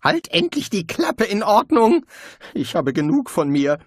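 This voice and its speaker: A man voicing a cowardly male wizard who talks high and frantic. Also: sing-song, a little slow, slightly rough, no echo, clean studio sound, exaggerated voice. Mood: exasperated.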